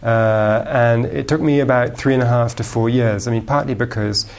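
A man from England, appearing as a guest author, answers interview questions with fluency, peppered with frequent ums and repeated words. His accent is English with an American tinge, and his mid-range voice has fairly even intonation at a moderate pace.

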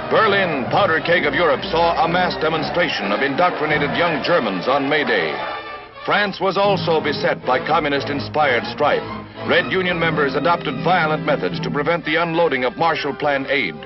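A man's voice: on the high side, moderate pace. A man giving dramatic, emphatic old newsreel narration from an archive film. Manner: emphatic, declamatory delivery. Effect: old 1950s newsreel narration. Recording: dull lo-fi archive film soundtrack. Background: orchestral music.

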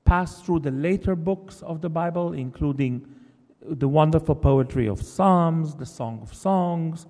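A man with a fairly high, mellow voice, a novelist whose first language is Hebrew, gives a reflective public talk in English. He speaks thoughtfully and haltingly, restarting often, with the hall's long reverb around him.

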